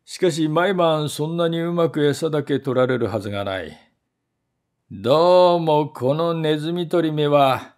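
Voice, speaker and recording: A man voicing a gruff, suspicious male servant who grumbles in a lower, rougher voice. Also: lively intonation, a little slow, darkish tone. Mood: grumbling.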